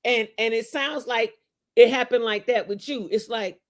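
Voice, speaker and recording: A woman's voice: on the high side, moderate pace. A woman hosting a casual interview chat, using folksy sayings and often asking "you know what I'm saying?". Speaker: host. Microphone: video call.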